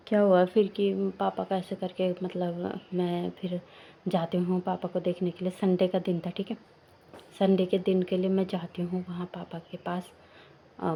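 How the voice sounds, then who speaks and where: A young woman vlogger tells a long personal story in a casual, rambling way, circling back with fillers and false starts. Her voice is mellow and soft, and her pitch stays flat. There is a faint hiss of background noise behind her. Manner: rambling, many fillers and restarts.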